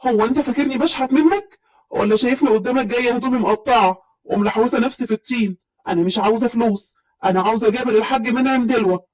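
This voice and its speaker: A woman voicing a bold, proud young woman from Upper Egypt who speaks with sharp, defiant retorts, in an Upper Egyptian accent. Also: fairly high pitch, rapid-fire, close to an everyday voice, poor audio.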